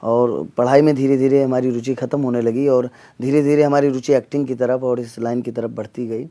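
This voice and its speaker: A man from the Gonda region, a comedian answering interview questions earnestly, with pauses and fillers. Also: mid-range voice, fairly even intonation, mellow. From Gonda region, northern India. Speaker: comedian and mimic, interview guest.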